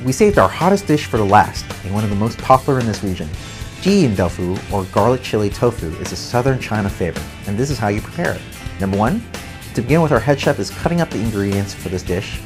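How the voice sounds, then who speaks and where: A man's voice: lowish voice, lively intonation, fast talker, over music. A man narrating a food and wine show, explaining recipes step by step in an upbeat way. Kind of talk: cooking show voice-over narration.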